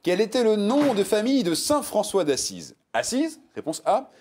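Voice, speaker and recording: There's slight background noise as a high-voiced man hosts a television quiz at a moderate pace. He jokes with contestants and reads the multiple-choice answers with lively emphasis.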